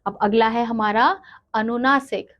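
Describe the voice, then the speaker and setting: Slow-spoken woman teaching a lesson. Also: on the high side, steady tone, a bit bright. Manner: slow, asks and answers her own questions. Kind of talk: explaining a grammar lesson.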